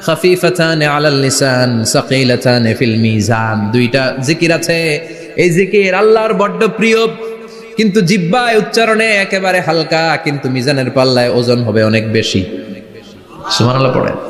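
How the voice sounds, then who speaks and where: Man, preacher, Bangladeshi Bengali accent, fairly high voice, echoing hall, long reverb. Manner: asks the crowd questions and has them answer back; chants Quranic verses and sings devotional lines slowly. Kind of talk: sermon to a live crowd.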